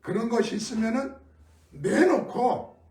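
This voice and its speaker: A middle-aged man from Korea preaching an early-morning sermon as pastor, telling stories in a conversational way with sudden loud emphases. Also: extremely high pitch, animated, measured pace. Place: church sanctuary. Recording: echoey room, mic at a distance.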